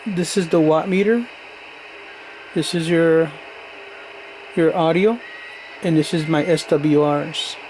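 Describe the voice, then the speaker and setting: Over a noisy track full of radio static and background noise, a man with a slightly high, a little mellow voice takes his time, leaving long pauses. He gives a plain, casual, step-by-step hobbyist demo of radio gear.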